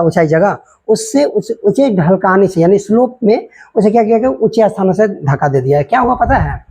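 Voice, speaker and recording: A man's voice: high-pitched, darkish tone, a little hiss or hum. A man teaching a lesson, explaining step by step and speaking directly to his students.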